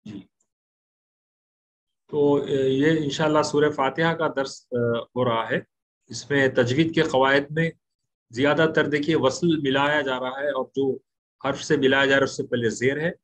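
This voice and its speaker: A man leads an online Quran recitation lesson, speaking into a computer mic on a call. His voice sits at a middle pitch. He talks patiently and slows right down to spell out each recitation rule. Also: fairly even intonation. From India. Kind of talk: online tajweed class.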